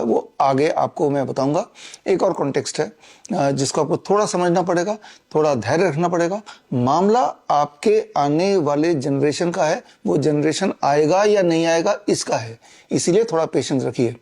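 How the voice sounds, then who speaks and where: A man talking straight to his viewers, telling a story with many pauses and fillers as he explains. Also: a little high, warm tone. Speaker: video host. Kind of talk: persuasive storytelling monologue.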